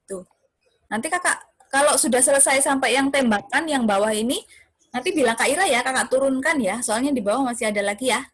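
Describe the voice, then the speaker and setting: A woman's voice: high-pitched, brisk, fairly bright tone, dry recording. A woman teaching young children in an online class, patient and coaxing, often checking that they can see her screen, on a computer mic. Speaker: homeschool teacher. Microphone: computer mic on video call.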